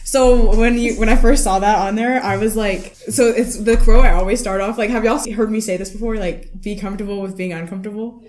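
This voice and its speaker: A woman's voice: mid-range voice, steady tone, brisk, few pauses, a little mellow. Guest: 19, woman from Texas, rambling casual talk, echoey room. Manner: chatty, rambling, lots of fillers. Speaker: podcast guest. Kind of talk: casual chat.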